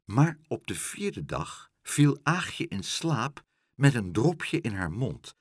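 A man reads a children's story aloud, his pitch swooping widely as he tells it. His voice is husky and on the lower side. The recording is close and very dry. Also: slow, no room sound. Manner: lively expressive storytelling. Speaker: narrator.

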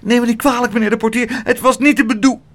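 A man's voice: steady tone, fast talker, a bit bright. A man reading a storybook and voicing a polite, eager young boy. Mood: earnest. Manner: eager, raised boyish pitch.

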